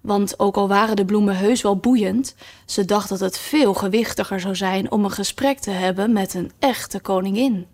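A woman narrating a children's story aloud in a calm, even reading manner. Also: mid-range voice, moderate pace. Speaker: audiobook narrator.

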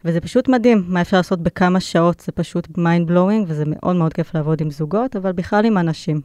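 A woman's voice: lowish voice, warm tone, no room sound. A woman guest on a studio podcast, a sexuality educator who explains with enthusiasm and many fillers. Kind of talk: casual podcast interview.

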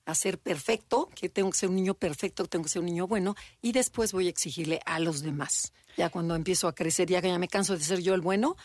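Animated woman co-hosting a podcast. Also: fairly low pitch, fast, few pauses, no echo, studio quality. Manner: acts out children and parents in quoted voices. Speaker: podcast co-host. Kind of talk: casual chat.

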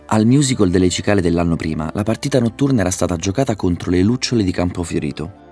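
Deep-voiced man narrating a children's story. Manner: lively, raises pitch for excited dialogue.

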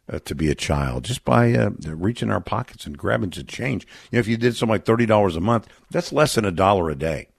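A middle-aged Texan man appears as a charity representative on a radio interview, sounding earnest and reflective. His low voice has a gravelly edge, and the studio sound is dry and close with no echo.

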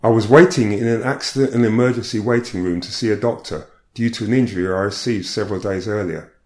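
A man hosting a podcast, reading a reflective personal story in a measured way. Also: on the low side, darkish tone. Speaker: podcast host. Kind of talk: scripted personal narration. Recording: echoey room.

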